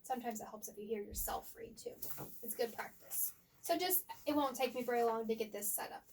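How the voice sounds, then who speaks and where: A woman tutoring a student one-on-one in reading, asking patient guiding questions and explaining slowly, sometimes softly. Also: on the high side, lively intonation, slight background noise. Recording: voice picked up from a distance.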